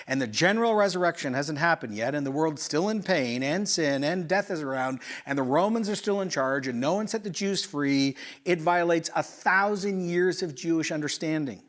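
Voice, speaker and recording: A middle-aged Canadian pastor with a slightly high voice delivers a sermon. He preaches in a lively, conversational style, tossing out rhetorical questions and quick asides.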